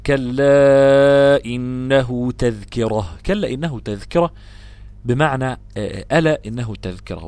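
A man with an Egyptian accent teaching a lesson on Quran recitation, explaining patiently, repeating his examples and chanting verses slowly. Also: lowish voice. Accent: Egyptian Arabic.

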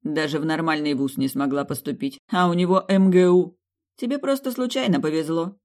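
A woman's voice: sits low, fairly quick, a little mellow, close to an everyday voice. A woman reading an audiobook, voicing a curt, dismissive middle-aged mother who speaks harshly to her daughter. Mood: scornful.

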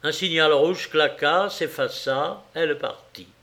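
A male audiobook reader narrating a classic novel in a measured, expressive way. His voice sits somewhat high for a man, and he takes the text slowly, giving each phrase room. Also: gravelly.

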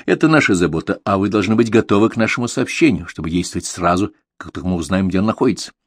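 A man reading a brash young male crime go-between in an audiobook, pushing his voice higher and louder when angered. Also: fast, no echo, studio quality. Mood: businesslike. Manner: excitable, loud when angered.

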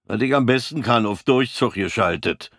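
A man voicing an evasive, quick-tempered soldier who answers curtly and defensively. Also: mid-range voice, animated, fairly bright tone, no room sound, clean studio sound. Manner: curt, defensive.

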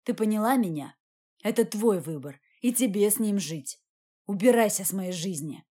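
A woman voicing Mark, a hard, commanding man who speaks in a curt, forceful way in an audiobook. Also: mid-range voice, lively intonation, moderate pace, close to an everyday voice. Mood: cold.

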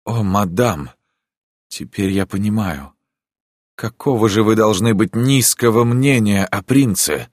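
A man's voice: fairly low pitch, measured pace, no room sound, clean studio sound, voice pushed up. A man voicing an embarrassed young prince in an audiobook, formal and restrained in how he talks. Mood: troubled. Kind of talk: audiobook character reading.

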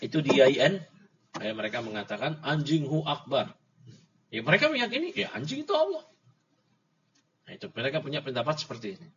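A man's voice: medium pitch, sing-song, quick pace, a little hiss or hum. A man teaching an Islamic book study, reading Arabic passages and explaining them casually with mocking jokes for his listeners. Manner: reads Arabic text then explains it in colloquial speech; mocking, jokey asides to the audience. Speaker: religious teacher. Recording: dull lo-fi audio recording.

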